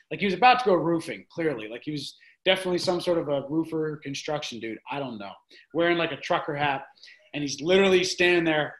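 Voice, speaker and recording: Brief: guest man, casual chat, swears a lot, rambles while storytelling, fairly high voice. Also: fairly bright tone, rough recording. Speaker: guest, fitness mentor.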